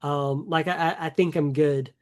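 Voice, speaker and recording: Man, podcast co-host, casual chat, rambling, enthusiastic, somewhat high pitch. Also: fairly even intonation, moderate pace. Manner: rambling, enthusiastic, many fillers and restarts.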